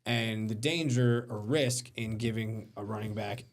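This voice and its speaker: A man's voice: lowish voice, measured pace. A man co-hosting a casual sports talk show, joking and sarcastic, often laughing as he talks.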